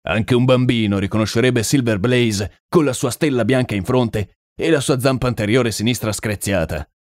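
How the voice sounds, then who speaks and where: A man's voice: medium pitch, normal speed, no room sound, studio quality, lightly acted. A man voicing a stern, proud older colonel who owns a racehorse, cold and clipped in manner. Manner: cold and clipped, then agitated.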